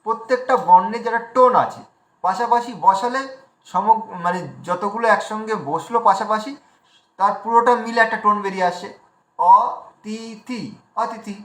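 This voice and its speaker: Bengali male teacher, high voice, patient explainer, echoey room, online class. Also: fairly even intonation, a bit bright. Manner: explanatory, spells out letters slowly. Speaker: Sanskrit pronunciation teacher. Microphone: video call.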